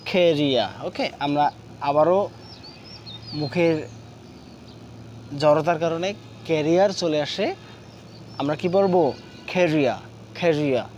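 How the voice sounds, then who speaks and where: A man teaching English pronunciation, drilling example words over and over in a steady repeated rhythm. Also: fairly high pitch, unhurried, pauses often, dull audio, a little hiss or hum. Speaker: English teacher and course founder. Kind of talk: spoken English pronunciation lesson.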